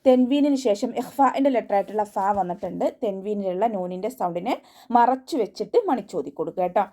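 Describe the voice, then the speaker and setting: A woman teaching Quran recitation in an online class, her voice dark and mellow. She explains each sound patiently, step by step, then chants the verse slowly in a higher voice. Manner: patient, step-by-step instruction, often ending with a soft "tto".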